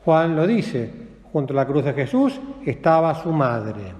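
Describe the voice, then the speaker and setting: A man preaches a meditation, slow and solemn, often dropping to a soft close at the end of a phrase. His voice sits fairly high for a man. The sound is roomy, with a long reverb tail as in a large hall. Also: very animated. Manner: slow, solemn, with long pauses and softened endings. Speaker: priest. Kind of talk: meditative sermon.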